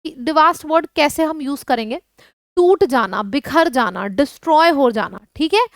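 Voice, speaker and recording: An animated woman with a high voice and an Indian English accent teaches an exam-prep vocabulary lesson at normal speed, working through word lists and quizzing her viewers. The sound is clean studio quality with no echo.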